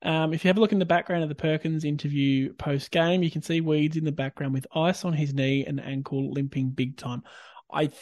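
A man's voice: on the high side, steady tone, a little fast, darkish tone, no room sound. An Australian man hosting a podcast, chatting casually and informally about sport. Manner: informal, conversational. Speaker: podcast host.

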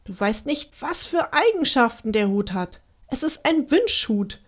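Big simple-minded storybook giants arguing in a rush, voiced by a woman who reads them aloud. The voice sits fairly high and hurries along with insistent, pushing phrasing. It stays close to her own reading voice. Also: sing-song, unhurried, full character voice.

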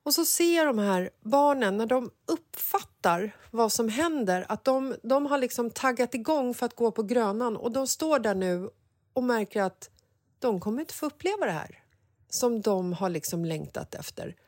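A woman in her forties, a podcast host, telling a personal story in a casual, emotional, animated way. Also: fairly high pitch, no echo, clean studio sound. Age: 40s.

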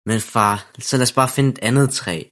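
A man voicing a stubborn, sensible young boy who flatly disapproves. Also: medium pitch, close to an everyday voice. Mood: disapproving.

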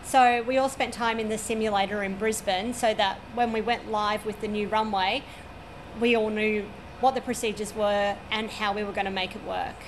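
This woman, an air traffic controller in her forties with an Australian accent, is interviewed at a regional airport with a view of the runway, answering in detail and matter-of-factly. Her medium-pitched voice is fairly even in intonation and moderate in pace, and the recording is low quality.

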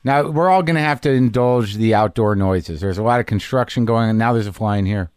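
A man's voice: fairly low pitch, fairly quick, darkish tone, clean tone, dry recording, studio quality. A man hosting a podcast in casual chat, wry and teasing, with frequent profanity, recorded in a garage. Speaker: podcast host. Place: garage studio.

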